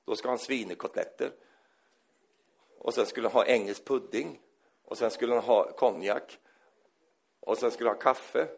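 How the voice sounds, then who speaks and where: A man preaching a sermon in an animated storytelling manner, often acting out the people he quotes. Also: mid-range voice, vocal fry, pauses often.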